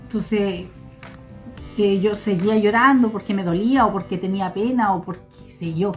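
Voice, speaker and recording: A woman with a Chilean accent tells a personal story slowly and reflectively, with many hesitations. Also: medium pitch, darkish tone, soft background music. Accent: Chilean Spanish. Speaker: vlogger.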